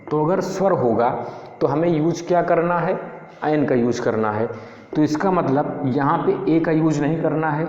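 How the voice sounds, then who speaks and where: A male teacher walks through a grammar lesson, posing questions and answering them himself. His voice sits a little high for a man. The recording is dull and lo-fi, with a long echo from the room. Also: darkish tone. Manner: slow, repetitive explaining. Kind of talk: Hindi-medium English grammar lesson. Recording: echoey room, dull lo-fi sound.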